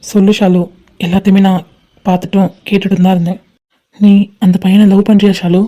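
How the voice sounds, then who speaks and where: A woman voicing a kind young man in a fan-made cartoon, gently reassuring a crying friend. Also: mid-range voice, level tone, fairly quick, lightly acted. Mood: gentle.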